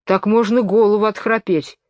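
A woman's voice: medium pitch, steady tone, moderate pace, a little mellow, no room sound, close to an everyday voice. A woman doing a smug little twin brother. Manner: smug, contrary, lecturing.

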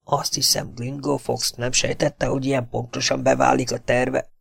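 Imagine a male narrator giving voice to a sly outlaw in a Western audiobook, murmuring his plans in a quiet, gravelly tone. The sound is dry and close to the mic. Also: on the low side, completely flat delivery, no room sound. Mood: scheming.

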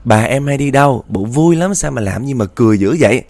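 A man's voice: medium pitch, expressive, fairly quick, creaky, darkish tone. Man voicing a kind young schoolgirl. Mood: coaxing. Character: kind young woman student, worried and caring.

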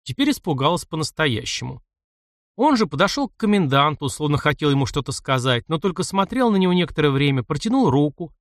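A man narrating an audiobook in a measured, expressive reading voice. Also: fairly high pitch, no echo, clean studio sound.

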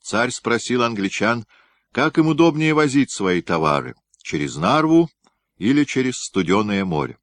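A man narrating a historical novel as an audiobook, in a measured, descriptive storytelling manner. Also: mid-range voice, big pitch swings, no room sound.

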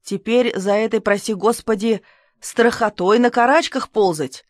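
A woman's voice: fairly high pitch, unhurried, dry recording, studio quality. A woman reading an audiobook, voicing a sullen middle-aged housekeeper who grumbles and complains. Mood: grumbling.

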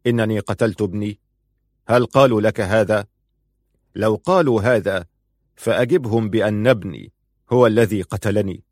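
A man's voice: fairly low pitch, normal speed, long pauses, a little mellow, dry recording, clean studio sound, lightly acted. A man voicing an aging ruler and grieving father who speaks in a stern, weary, bitter way.

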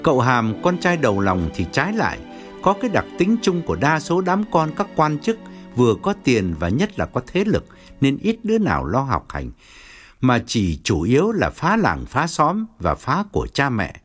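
Expressive male audiobook narrator. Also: mid-range voice, normal speed, faint music behind. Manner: expressive, wide-ranging storytelling.

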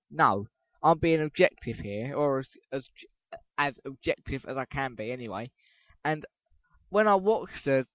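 A man's voice: fairly high pitch, no echo. A teenage boy hosting a casual solo podcast, rambling, swearing casually and restarting his sentences as he goes. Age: teens. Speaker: podcast host. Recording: dull lo-fi podcast recording.

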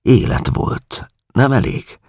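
A man reading an audiobook, voicing a calm, skeptical male listener who speaks cautiously and in a measured way. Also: mid-range voice, creaky, no room sound, studio quality, voice pushed up.

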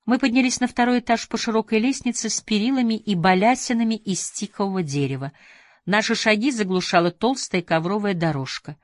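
A woman reading a novel aloud as audiobook narration, measured and even. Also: mid-range voice, no echo. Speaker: audiobook reader. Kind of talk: scripted narration.

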